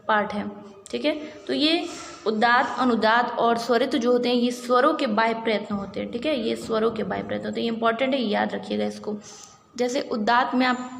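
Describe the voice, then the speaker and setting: A woman teaching an exam-prep grammar lesson, patiently repeating key points and checking in with her listeners. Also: a little high. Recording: echoey room with long reverb, faint background noise.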